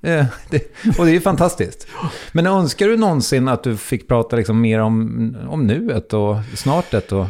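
A man hosting an interview podcast, candid and animated as he tells his own story and asks questions. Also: mid-range voice. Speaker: podcast host. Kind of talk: interview conversation.

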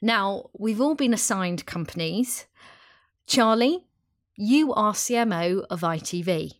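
A woman's voice: mid-range voice, expressive, takes it slowly. Giggly woman hosting a podcast. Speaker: podcast host. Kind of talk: casual podcast chat.

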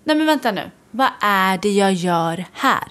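A woman's voice: mid-range voice, animated, fairly bright tone. A young woman from Sweden, co-hosting a podcast, musing aloud in casual chat and asking many rhetorical questions. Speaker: podcast co-host.

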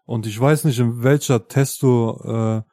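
Mellow-voiced man telling anecdotes. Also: mid-range voice, fairly even intonation, a little slow, no echo, studio quality. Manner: chatty anecdote teller, keeps asking "weißt du?". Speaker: podcast co-host. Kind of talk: casual podcast chat.

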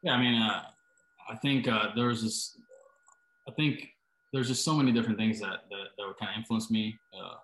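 A man's voice: on the low side, steady tone, brisk, fairly bright tone. A man from Costa Rica, a startup founder, answering interview questions hesitantly, with many fillers. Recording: roomy, echoey sound.

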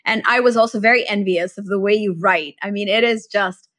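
A woman hosts a podcast in a casual conversational interview, chatting with enthusiasm and plenty of casual fillers. Her voice is medium in pitch and fairly bright, and she speaks briskly.

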